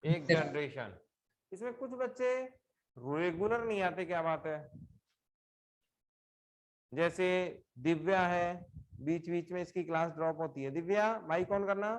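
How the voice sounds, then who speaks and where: A middle-aged man teaching a live online class, explaining slowly with repeated examples and putting questions to his students. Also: on the high side.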